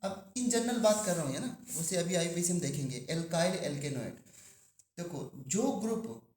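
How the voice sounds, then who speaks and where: A man teaching chemistry to a class, asking the students questions and drawing out key terms slowly. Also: sits high, animated, a little mellow, roomy sound. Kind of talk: classroom lecture.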